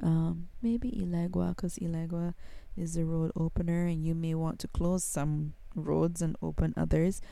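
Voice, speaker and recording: A Barbadian woman speaking in a lowish, gravelly voice with a mellow, relaxed tone. She chats casually to her viewers, calling them guys and filling pauses with ums. The sound is dry and close. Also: dry recording. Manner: chatty, addresses viewers as guys, many ums. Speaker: spiritual vlogger. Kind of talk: casual spiritual talk.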